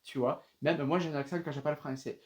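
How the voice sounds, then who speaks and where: A man's voice: fairly high pitch, fairly even intonation, fast. A young man casually telling a personal story to viewers, rambling with many fillers and restarts. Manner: addresses viewers directly.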